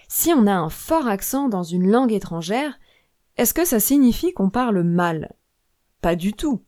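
A woman who teaches French, hosting a scripted podcast lesson and explaining in a clear, measured way. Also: medium pitch, big pitch swings, mellow.

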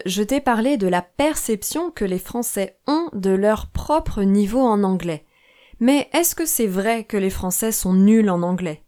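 A young French woman hosting a podcast for language learners, speaking in slow, clear, scripted narration. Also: fairly high pitch, a little mellow. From France. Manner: slow, clear, careful delivery. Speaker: podcast host, French teacher.

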